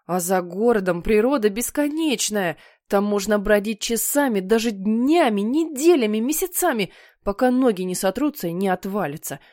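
Woman, storybook narrator, playful, expressive, dry recording. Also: medium pitch, normal speed, no echo. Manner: lively, playful. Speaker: audiobook reader.

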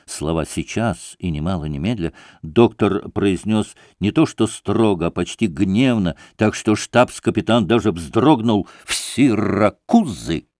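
A man narrates a classic novel for an audiobook. His reading is steady and measured, and very slow. The voice sits close to the mic in a dry room. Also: lowish voice, no room sound.

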